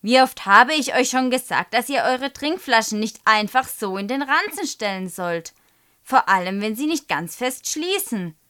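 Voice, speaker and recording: A woman voicing a stern female class teacher who scolds loudly, read aloud from a children's book. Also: a little high, expressive, moderate pace, clear, resonant tone, pitched above the performer's own voice. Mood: scolding. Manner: scolding, loud and raised.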